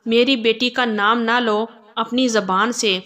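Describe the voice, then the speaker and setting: A woman's voice: a little high, steady tone, lightly acted. A woman doing a stern, angry young husband. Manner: shouting commands.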